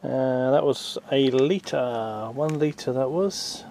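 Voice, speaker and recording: A middle-pitched, chatty man in his forties talks through a boat repair outdoors, rambling and self-deprecating with plenty of ums. He's recorded on a handheld camera mic, with a faint outdoor hiss behind him. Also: slow, creaky, darkish tone. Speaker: boat renovation vlogger. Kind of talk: casual how-to commentary. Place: outdoors in a garden workshop.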